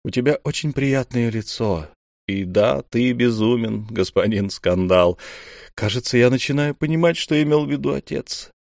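A man voicing an aloof, weary sovereign who speaks slowly and quietly. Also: medium pitch, gravelly, no room sound, clean studio sound, natural voice. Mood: cold. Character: cold, weary male sovereign, aloof and sad.

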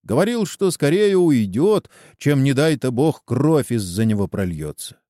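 Man narrating a storybook, expressive, mellow, lively, dry close sound. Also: medium pitch, unhurried, dry recording. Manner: expressive, voices characters. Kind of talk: storybook reading.

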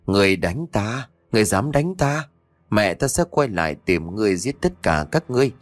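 A wild demon spirit taunts and wails from inside a possessed boy, as a male narrator puts it on. The voice is low but swings widely, set close and dry over faint music. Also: sing-song, normal speed, dry recording. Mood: taunting. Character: defiant young demon spirit, sly then pleading.

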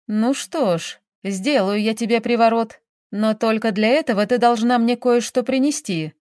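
A woman voicing a sly old village witch who speaks slowly, in a knowing, slightly mocking way. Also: on the high side, a little mellow, no room sound, studio quality, close to an everyday voice.

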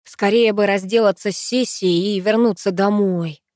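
A woman's voice: medium pitch, fairly even intonation, moderate pace, darkish tone, no room sound, studio quality, lightly acted. A woman voicing a cheerful, boastful young man who talks eagerly.

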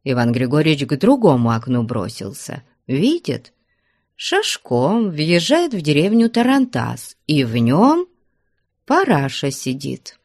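A woman narrating a classic novel as an audiobook in a deliberate, expressive way. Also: low-pitched, dry recording, studio quality.

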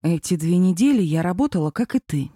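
A woman narrates a romantic office novel in the first person. Her reading is lively and ironic. The recording is dry and close-miked. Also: lowish voice, fairly quick, husky, no room sound. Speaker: audiobook narrator.

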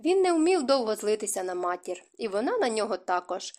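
A woman narrating an audiobook in a measured, even storytelling voice. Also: mid-range voice. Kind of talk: scripted narration.

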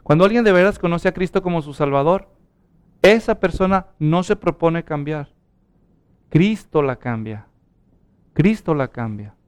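A pastor preaches a sermon in an earnest way, telling a personal story, acting out quoted dialogue, and then leading a prayer. His male voice is on the high side, expressive and smooth, a little slow, with frequent pauses.

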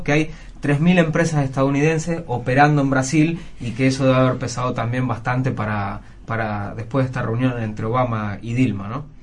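A man explaining economic politics on a radio panel in a slightly halting way. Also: medium pitch. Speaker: political commentator.

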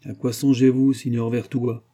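A man's voice: mid-range voice, level tone, normal speed, dark tone, natural voice. A man playing a scornful, proud card-bank gambler. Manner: contemptuous, angry. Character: scornful rich male bank-holding gambler, harsh and proud.

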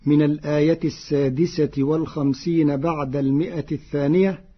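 A man from Egypt giving a formal radio lesson on Quran readings, measured, chanting the quoted verses slowly in a husky voice. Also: a little high, fairly even intonation. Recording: dull lo-fi radio broadcast recording.

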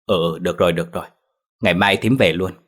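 A man voicing a middle-aged aunt who answers the phone in a brisk, concerned way. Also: low voice, fairly even intonation, fairly bright tone.

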